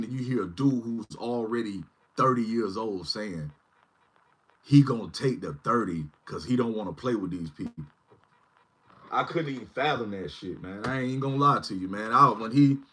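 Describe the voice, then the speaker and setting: A man's voice: mid-range voice, a bit bright. A man in his forties hosting a casual livestream, rambling and often asking "you know what I mean". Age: 40s. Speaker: channel host.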